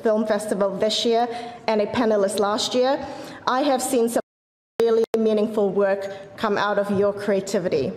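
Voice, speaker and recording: On stage in a large event hall, a woman judge delivers an earnest, encouraging award speech that opens with a formal Māori greeting. Her voice is fairly high with a darkish tone, and the hall's long reverb makes it echoey.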